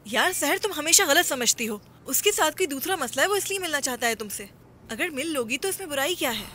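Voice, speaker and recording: A woman's voice: high-pitched, animated, a little fast, pushed and bright, slight background noise. A woman dubbing a film role, a caring young female friend who talks in a coaxing, persuasive way. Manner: coaxing, pleading. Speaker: dub actress.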